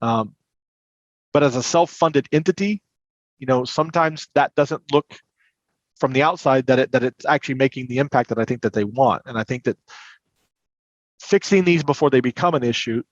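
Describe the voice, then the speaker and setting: This credit union compliance and recovery manager, appearing as a podcast guest, has a medium-pitched male voice and a moderate pace broken by frequent pauses. He explains matters earnestly in a conversational way, recorded with a muffled, roomy sound.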